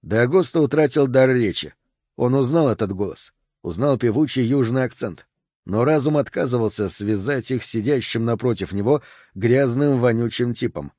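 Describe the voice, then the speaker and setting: Male narrator, measured expressive reading, mid pitch, dry close sound. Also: no room sound. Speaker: audiobook narrator. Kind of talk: scripted audiobook narration.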